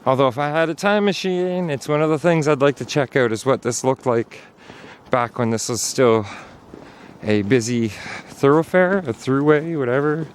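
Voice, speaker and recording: A man's voice: mid-range voice, moderate pace, a little hiss or hum. Man vlogging outdoors on a hike. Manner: chatty, talking while hiking, sometimes out of breath. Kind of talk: casual hiking vlog narration. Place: outdoors on a snowy trail.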